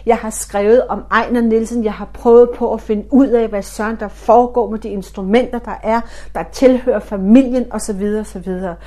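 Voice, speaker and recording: A middle-aged woman from Denmark, a spiritualist medium, telling a story in an animated way and acting out the dialogue in different voices. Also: fairly high pitch, hardly any pauses. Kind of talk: storytelling talk.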